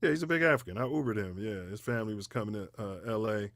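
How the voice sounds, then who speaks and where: A man's voice: lowish voice, expressive, very fast, a bit bright, no echo, clean studio sound. A middle-aged man co-hosting a casual sports talk show, telling loose, slangy stories and laughing easily. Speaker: co-host.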